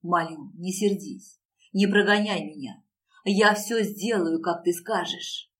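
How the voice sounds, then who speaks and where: A woman reading an audiobook and voicing an obsessive, jealous young man in a hushed, brooding tone. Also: high voice, slow pace, far from the mic. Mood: pleading, hushed.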